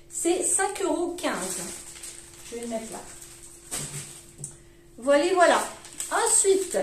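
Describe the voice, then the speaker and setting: Chatty French mom, roomy echo. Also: female voice, darkish tone, a little hiss or hum. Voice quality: shrill at times. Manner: chatty, full of fillers and restarts. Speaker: vlogger. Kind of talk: casual grocery haul chat.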